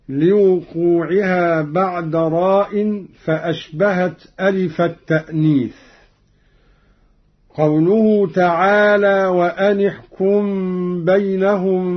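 Measured man explaining and chanting recitation. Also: sits high. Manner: measured, chanting the quoted verses slowly. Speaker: Quran recitation teacher. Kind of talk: explaining and demonstrating Quran recitation variants. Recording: dull archival radio recording.

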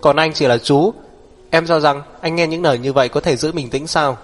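A man's voice: fairly high pitch, a little fast, faint music behind, natural voice. A man reading a proud, cold young man. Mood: firm, explaining. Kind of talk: audiobook character voice.

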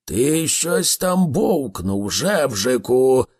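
A man voicing a huge, menacing male thunder god who speaks slowly and bellows in a low voice. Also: very animated, a little mellow, husky, heavily acted. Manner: slow, deep, bellowing.

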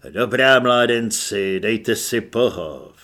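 A man voicing a commanding male army sergeant in an audiobook, speaking slowly and firmly. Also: mid-range voice, fairly bright tone, pitched below the performer's own voice.

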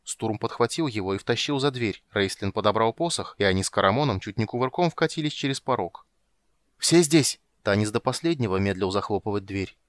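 Low-voiced man reading an audiobook. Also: fast, few pauses, no echo. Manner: steady storytelling. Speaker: audiobook narrator. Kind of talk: audiobook narration.

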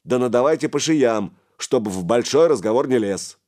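A man voicing a domineering middle-aged merchant, loud and commanding. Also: lowish voice, sing-song, unhurried.

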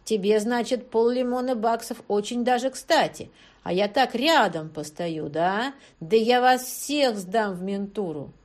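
A hulking, spiteful woman accomplice snaps and rages at the others, as a woman reader puts her on. Her retorts come out sharp and furious in a storybook scene. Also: fairly high pitch, a little slow, natural voice. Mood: snappish. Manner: snappish, furious.

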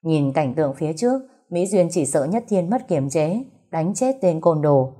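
A woman narrating a romance audiobook in a steady storytelling voice. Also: low-pitched, normal speed.

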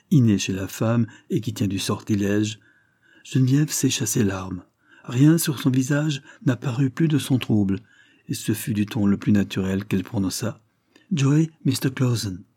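A man reads literary narration in a measured, steady way. His voice is dark and mellow with a husky edge. The sound is close and dry, with no room around it. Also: fairly low pitch, dry recording. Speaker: audiobook narrator.

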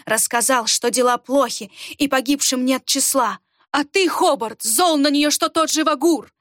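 A brazen, glib male schemer from a fantasy storybook, boasting of his lies, as a woman reads him. The voice is fairly high and the sound dry and close. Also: moderate pace, a bit bright, no room sound. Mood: boastful.

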